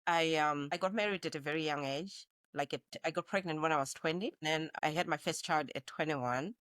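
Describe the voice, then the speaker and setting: A Zimbabwean nurse practitioner in her forties reflects aloud as a guest in a conversational interview, frequently restarting her sentences. Her voice is deep, a bit bright and a little fast, recorded at studio quality with no room sound.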